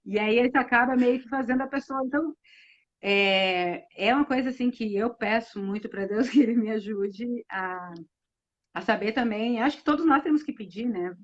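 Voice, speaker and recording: A woman's voice: fairly high pitch, normal speed. A woman co-hosting a live religious talk, speaking reflectively with many fillers and restarts. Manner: reflective, many fillers and restarts, retells hadith with acted quotes. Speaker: co-host of Islamic live talk. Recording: muffled live-stream audio.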